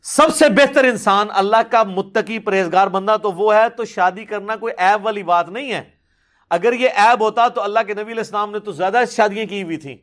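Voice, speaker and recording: A man's voice: high-pitched, fairly bright tone. A man giving a religious question-and-answer talk, reasoning patiently and pressing hard on his key points.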